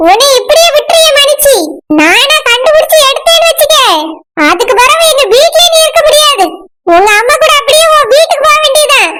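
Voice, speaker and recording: A sharp-tongued cartoon village woman with a Kanyakumari Tamil accent, scolding and accusing without letup, as a woman acts her out. The voice sits extremely high. A heavy layer of noise runs under the recording. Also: lively intonation, a little fast. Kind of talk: cartoon voice acting.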